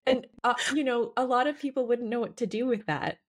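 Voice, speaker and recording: A woman co-hosting a podcast and working as a coach, talking in a reflective, halting way with many fillers. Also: on the high side. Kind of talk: casual podcast conversation.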